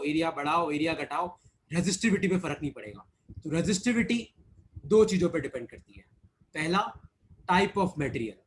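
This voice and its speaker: High-voiced male physics teacher, chatty. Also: slight background noise. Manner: conversational, repeats key points, teasing students. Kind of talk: online class lecture.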